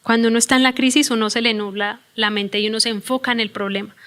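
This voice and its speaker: A woman's voice: fairly high pitch, fairly even intonation, fairly bright tone. A woman pastor preaching a sermon in a church, telling her own story with earnest emotion and reading scripture aloud. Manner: reads scripture aloud slowly. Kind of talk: sermon with personal testimony.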